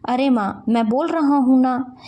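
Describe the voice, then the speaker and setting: A woman's voice: a little high, unhurried, dark tone, lightly acted. A woman voicing an angry young husband who scolds his lazy wife in a storybook tale. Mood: scolding. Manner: scolding, insistent.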